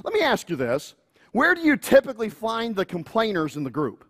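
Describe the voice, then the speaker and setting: Animated high-voiced preacher man. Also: fairly quick, slightly rough. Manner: animated, chuckles often. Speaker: youth pastor. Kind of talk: sermon. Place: church.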